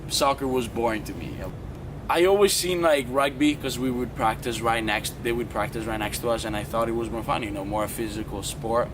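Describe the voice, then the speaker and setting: Young man, mid-pitched, halting casual telling, far from the mic, street noise. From Italy. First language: Italian. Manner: halting, with many restarts and fillers. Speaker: interview guest. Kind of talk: casual storytelling interview. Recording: distant outdoor mic with traffic noise.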